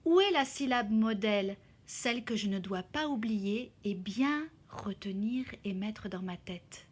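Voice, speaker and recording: A woman teacher explaining a reading exercise to children slowly and carefully, sounding out syllables. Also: medium pitch, lively intonation, slightly rough. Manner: slow, careful, spelling out syllables. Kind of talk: slow classroom explanation in two languages.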